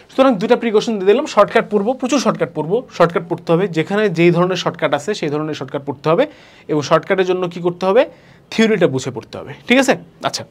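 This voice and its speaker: Lively fast-talking young male tutor. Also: high-pitched. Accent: Bangladeshi Bengali. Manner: mixes English words, asks students rhetorical checks. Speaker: admission test tutor. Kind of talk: video lesson on exam tips.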